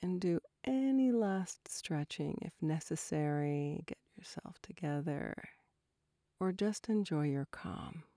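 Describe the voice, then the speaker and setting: A woman softly narrating a guided relaxation like a sleep story, with gentle, breathy, unhurried instructions that drift toward a whisper. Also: low-pitched, expressive, no echo, clean studio sound.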